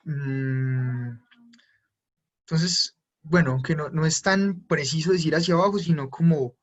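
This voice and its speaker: A man teaching a German class, who patiently repeats each word pair and checks for questions. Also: a little high. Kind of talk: live online class explanation. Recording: muffled lo-fi audio.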